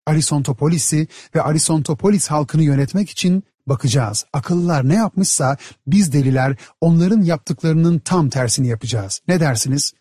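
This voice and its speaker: Storybook ringleader of madmen, read by a man: slow, rousing, husky, a touch high. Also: dark tone, dry recording, studio quality. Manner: slow, rousing, speechifying to a crowd. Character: scheming adult male ringleader of escaped lunatics. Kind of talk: audiobook character voice.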